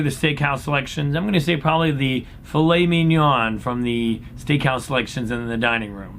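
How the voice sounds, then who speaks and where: Man, upbeat cruise director, bright forward voice, folksy casual Q&A chat, laid-back, rumbling noise behind. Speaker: cruise director answering viewer questions. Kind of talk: casual question-and-answer chat. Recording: clear background noise with low rumble.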